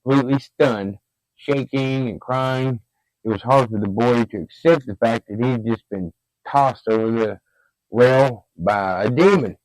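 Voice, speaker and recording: A man's voice: medium pitch, measured pace, darkish tone, dry recording, rough recording. A man narrating a true haunting story in a casual, profane, conversational way with emphatic bursts.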